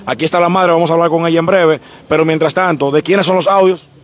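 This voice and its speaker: A man, interviewing people on a busy street with a handheld mic, asking brisk questions. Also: on the high side, steady tone. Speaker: street reporter.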